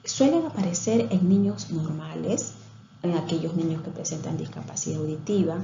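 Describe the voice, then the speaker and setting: A woman's voice: sits low, normal speed, gravelly, warm tone, reverberant, dull audio, slight background noise. A woman giving a recorded lecture on speech therapy, explaining things step by step with some hesitations and restarts.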